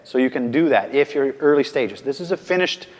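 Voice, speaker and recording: A man's voice: mid-range voice, animated, brisk, darkish tone, long reverb tail. A male dog trainer giving a casual instructional demonstration, often checking in with "okay?" and "right?", and calling out firm short commands to his dog.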